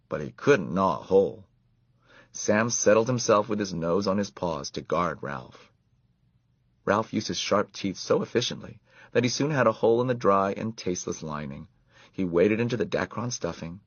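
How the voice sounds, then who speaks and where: A man reading a children's story aloud in an expressive, animated way. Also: low voice, normal speed, husky, dry recording. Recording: dull lo-fi dry recording.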